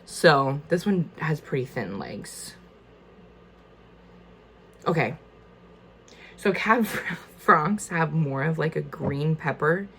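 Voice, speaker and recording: Woman, low voice, casual tasting host, informal and thinking aloud, slight background noise. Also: expressive, slow, pauses often, a bit bright, poor audio. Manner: informal, tentative, thinking aloud with frequent 'like'. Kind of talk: casual chatty wine tasting.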